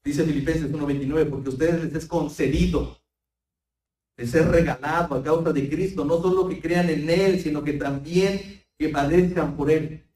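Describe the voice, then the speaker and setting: A man's voice: fairly high pitch, steady tone, moderate pace, a little mellow. A man preaching a fervent sermon, often repeating words and calling the congregation brethren. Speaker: pastor. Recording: roomy sound, voice far from the mic.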